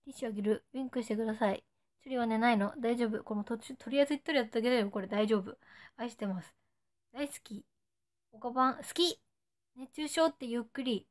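Cutesy high-voiced Nagoya young woman. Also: fast. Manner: playful, cutesy, saying short phrases that fans request. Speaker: idol streaming for fans. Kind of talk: casual live stream chat.

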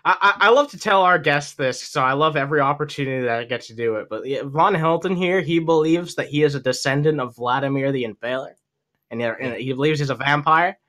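A man hosting a podcast in casual, excitable chat, swearing freely. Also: fairly high pitch, a little fast. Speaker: podcast host.

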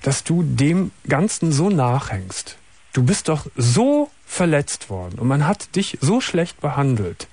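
A man's voice: fairly high pitch, big pitch swings, unhurried, a little mellow, husky. A man hosting a late-night radio phone-in, probing firmly and cutting in to make his point. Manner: probing, firm interviewer who interrupts. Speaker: radio call-in host.

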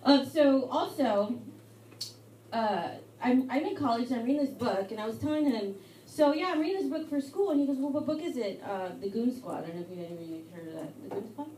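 A woman's voice: high-pitched, lively intonation, distant mic, a little hiss or hum. Rambling young woman doing stand-up. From Mexico. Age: young adult. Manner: rambling, halting delivery with many fillers. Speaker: stand-up comedian. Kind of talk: live stand-up set. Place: hotel pub comedy night. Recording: echoey live room miked from afar with loud crowd. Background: audience chatter and laughter.

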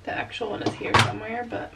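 A woman vlogger talks casually at home, her voice a touch high and her laughter never far away. A clear layer of background noise sits under her chatter. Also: steady tone, fast. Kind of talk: casual vlog chat. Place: indoors at home after a trip.

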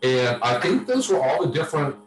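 A man's voice: on the high side, sing-song, fairly quick, echoey room, faint music behind. A man teaching an online class over a video call, his voice tinny and buzzing as if talking through a tin can, explaining things in a plain, practical way. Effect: tinny buzzing sound, like talking through a tin can. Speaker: extension class instructor.

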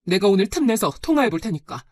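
A woman's voice: medium pitch, sing-song, fast talker, dry recording, studio quality, lightly acted. A woman voicing a busy, defensive working mother in a told story, with a scolding, indignant manner. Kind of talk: storybook narration.

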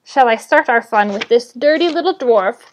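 A woman voicing a cruel, mocking male goblin leader with a raspy voice, read aloud from a novel. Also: medium pitch, expressive, normal speed, fairly bright tone, slight background noise. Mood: sneering. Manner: sneering, menacing commands.

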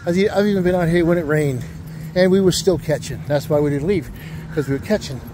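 With a fairly high voice and a fast delivery, a middle-aged man vlogs a casual walking tour of a waterfront park, chatting with the people he passes. The audio comes from a handheld camera as he walks, with faint wind and outdoor ambience.

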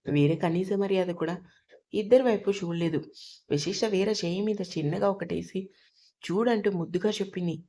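A woman's voice: on the low side, fairly quick, warm tone. Woman steadily narrating an audiobook love story.

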